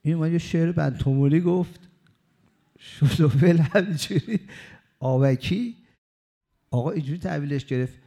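A man preaching, telling a story in a conversational, lively sermon style. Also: a little high, gravelly, pauses often.

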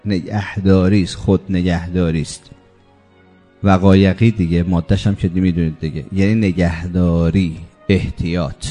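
A man delivers a sermon in a low, mellow voice. He speaks emphatically, stacking repeated phrases and slowing on words he wants to stress. Faint music plays behind him. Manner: emphatic, lists with repetition. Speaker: preacher. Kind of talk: religious sermon.

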